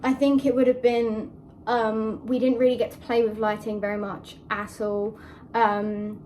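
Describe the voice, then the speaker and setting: A woman's voice: fairly high pitch, little pitch movement, unhurried, darkish tone, recorded from a distance, slight background noise, low-quality recording. A young woman co-hosting a vlog, chatting casually and reflectively about finishing a student shoot, with plenty of fillers. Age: young adult. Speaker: student filmmaker and vlog co-host. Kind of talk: casual chat.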